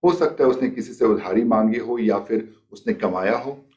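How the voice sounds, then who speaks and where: A man's voice: fairly low pitch, normal speed, darkish tone, recorded from a distance. Man teaching, a bit off-mic. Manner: explains step by step, acts out example sentences. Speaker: life skills teacher. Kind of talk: spoken lesson with demonstrations.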